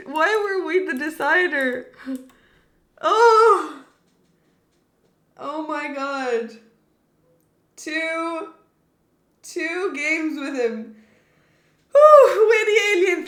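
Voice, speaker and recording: A woman streaming a game live, talking to her chat and shrieking with excitement at tense moments. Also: high voice. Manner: talks to chat as "darlings".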